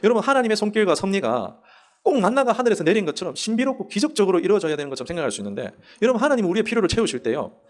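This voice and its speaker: A man's voice: high-pitched, very animated, very fast. A male pastor preaching a Sunday sermon in a conversational way, asking the congregation questions and acting out the voices in his stories. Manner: acts out quoted prayers and voices in the stories. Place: church sanctuary.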